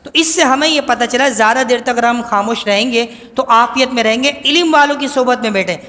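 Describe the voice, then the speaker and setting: A man's voice: very high-pitched, bright, forceful tone. A male preacher from Pakistan tells a moral story in a sermon, quizzing his listeners with rhetorical questions. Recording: long hall reverb.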